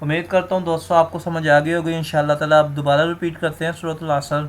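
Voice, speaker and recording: A man teaching Quran recitation rules, explaining each rule and then slowly sounding out words to demonstrate, often turning to his viewers as friends. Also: a little high, little pitch movement. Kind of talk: tajweed lesson, explaining and demonstrating.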